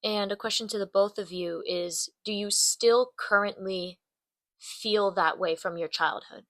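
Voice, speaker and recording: A woman's voice: medium pitch, fairly even intonation, measured pace, a bit bright, no room sound. A young woman hosting a podcast, interviewing her parents with upbeat, conversational questions. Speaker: podcast host.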